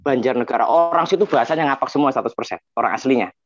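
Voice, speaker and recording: A man explaining scripture dialects in a panel talk, slowly chanting verses between points. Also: medium pitch, lively intonation. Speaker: religious teacher explaining dialects. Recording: dull, dry lo-fi sound.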